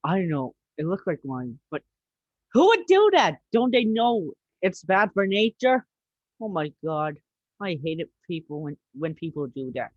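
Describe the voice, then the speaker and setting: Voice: medium pitch, very animated, a little slow, no room sound, dull audio. A host reacting to a horror story in casual, chatty commentary, often exclaiming.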